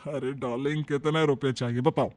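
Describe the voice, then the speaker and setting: A woman voicing a young husband, lower and weary as he reasons with his wife. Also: steady tone, a little fast, a little mellow, faint music behind. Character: young husband, easygoing and exasperated.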